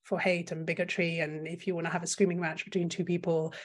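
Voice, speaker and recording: Her voice is lowish and level, and she talks at a quick pace. A French-native content creator, she appears as an interview guest, voicing strong opinions emphatically and frequently starting her sentences over.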